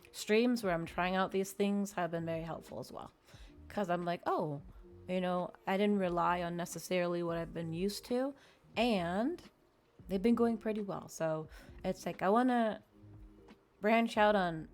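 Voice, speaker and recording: A woman live streamer chats casually and informally with her viewers in a friendly way, her voice low and darkish. Music plays in the background behind her.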